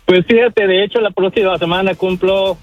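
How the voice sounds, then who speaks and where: A man from Guatemala calls in to a radio show and talks in a friendly way, with restarts and hesitations. His voice sits fairly high. Faint music plays behind him. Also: steady tone, normal speed, highs cut off. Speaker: radio caller. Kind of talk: phone-in chat.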